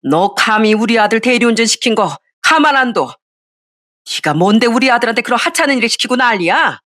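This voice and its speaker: A woman's voice: a little high, animated, a little fast, a bit bright, pitched above the performer's own voice. A woman voicing a domineering older mother-in-law who scolds her daughter-in-law harshly, in an audio story reading. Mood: scolding.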